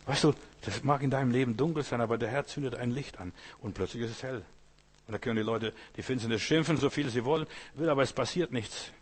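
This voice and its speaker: A man's voice: mid-range voice, quick pace, husky. A man preaching a sermon, speaking emphatically in repeated parallel phrases and addressing the listener directly. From Asia. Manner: repetitive, emphatic preaching with rhetorical questions to the listener.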